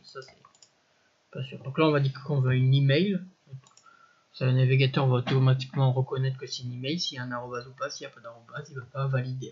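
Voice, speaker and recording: A man talks through a coding tutorial in a relaxed, halting way, correcting himself as he goes and dropping quick interjections between steps. His voice is somewhat husky. The recording sounds a little dull and lo-fi. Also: mid-range voice. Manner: thinks aloud, peppered with "voilà" and "hop"; self-correcting, halting phrasing. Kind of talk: casual screen-recorded coding walkthrough.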